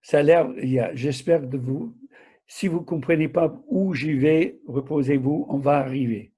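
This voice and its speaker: Husky older man, mixed southern French-American accent. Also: fairly high pitch, normal speed, warm tone. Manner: hesitant, imperfect French with self-corrections and check-in questions. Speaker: preacher. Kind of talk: informal Bible teaching.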